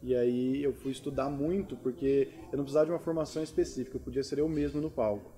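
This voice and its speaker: A man's voice: mid-range voice, fairly even intonation, quick pace, warm tone. A man with a Brazilian accent, a stand-up comedian, talking casually and reflectively in an interview.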